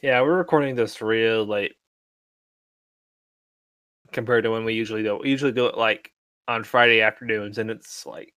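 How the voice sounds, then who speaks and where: A man's voice: lowish voice, normal speed, pauses often, fairly bright tone, no echo. Easygoing man joking in casual chat. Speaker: podcast co-host.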